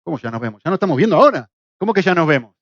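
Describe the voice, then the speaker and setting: A middle-aged Argentine man with a fairly high voice teaches a church Bible class, quick to fire off rhetorical questions and throw in a joke. He speaks with an Argentine Spanish accent. The recording is dull and lo-fi, with a dry, close sound. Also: no room sound. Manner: lively, asks rhetorical questions, jokes.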